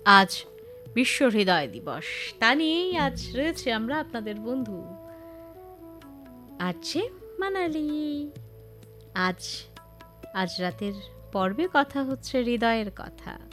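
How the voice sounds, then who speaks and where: A woman hosts a radio programme in a high voice. She takes her time, talking directly to listeners and putting rhetorical questions to them, with faint music behind her. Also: big pitch swings, takes it slowly, pauses often, a bit bright. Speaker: radio phone-in show host. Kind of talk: radio show presenting to listeners.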